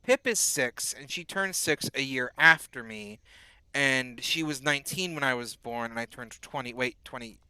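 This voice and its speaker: A man in his twenties, slightly sick and on bed rest, chats casually with his live-stream audience as he games, rambling and replying to messages. His mid-range voice is pushed, bright and smooth, at a normal pace. The recording is dry and low in quality.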